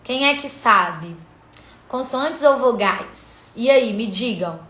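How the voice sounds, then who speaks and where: A woman teacher with a high, bright voice leads a live-streamed literacy lesson. She explains step by step, keeps pointing her viewers to the examples, and greets them as they join. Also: lively intonation, takes it slowly.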